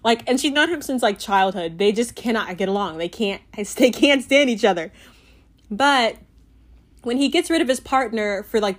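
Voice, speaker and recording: A young woman chatting casually about a book she loved, gushing and giggly, with many filler "like"s. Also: medium pitch. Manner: giggly and animated. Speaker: book reviewer. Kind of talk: casual book review chat.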